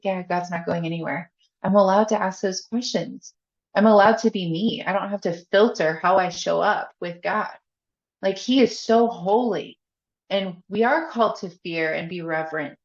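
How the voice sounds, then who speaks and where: A woman guest on a podcast talking candidly in a casual chat, laughing often and saying "like" a lot. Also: medium pitch. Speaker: podcast guest, faith coach. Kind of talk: casual conversational interview. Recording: echoey, slightly dull podcast audio.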